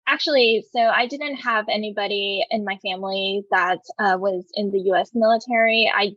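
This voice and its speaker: A veteran woman in her twenties from California tells her life story in an oral history interview, speaking hesitantly with many fillers and restarts. Her mid-range voice is fairly bright at a moderate pace, in a dry recording of muffled video call audio.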